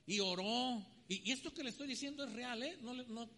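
A man's voice: very high voice, a little fast, big-room sound. A man preaching a sermon in a church, telling stories and acting out the voices of the people in them. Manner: animated storytelling preacher, acting out characters' voices.

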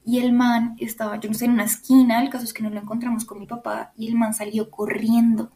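A woman's voice: a little high, little pitch movement, quick pace, warm tone. Candid young Colombian woman storyteller. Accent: Colombian, Bogotá area. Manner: emotional, candid, full of fillers like "como" and "o sea". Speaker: podcast host. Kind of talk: casual personal storytelling.

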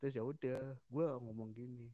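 A man's voice: medium pitch, fairly even intonation, normal speed, dry recording. A man telling a personal story in casual podcast chat, slangy, with many restarts and quoted lines. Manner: slangy Jakarta street talk, many restarts. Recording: dull lo-fi sound.

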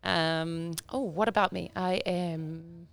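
A woman's voice: lowish voice, fairly even intonation, slow pace, gravelly. A woman in her thirties with a South Auckland Māori New Zealand accent, chatting informally as a podcast guest and mixing te reo Māori words into English. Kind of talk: casual interview chat.

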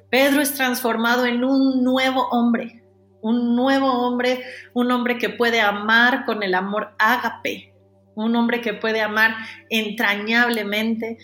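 A woman preaching a sermon, animated, acting out the dialogue in a lowered voice. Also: reverberant.

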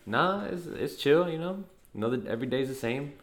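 A young man co-hosting a podcast, low-key and dry with wisecracks in casual chat. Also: lively intonation, a little fast. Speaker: podcast co-host.

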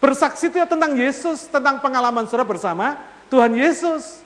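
High-voiced preacher in a reverberant hall. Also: male voice, animated, brisk, fairly bright tone. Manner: addresses congregation often with rhetorical questions; mixes formal speech with casual slang. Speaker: pastor. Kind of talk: sermon.

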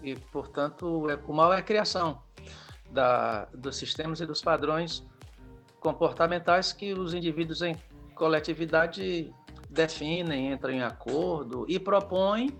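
A Brazilian male professor explains ideas at a measured lecturing pace. His voice has a gravelly, creaky edge and sounds like it comes over a remote call. Faint music sits underneath. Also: fairly high pitch, fairly bright tone. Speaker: sociology professor, guest. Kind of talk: explanatory academic talk.

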